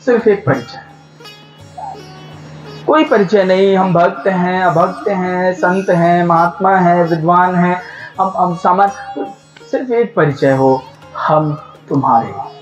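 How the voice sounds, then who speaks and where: Indian male preacher, lo-fi with soft sitar. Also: high voice, a little slow, faint music behind. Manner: animated, addresses the audience with questions and exhortations. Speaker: katha preacher. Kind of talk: devotional storytelling sermon.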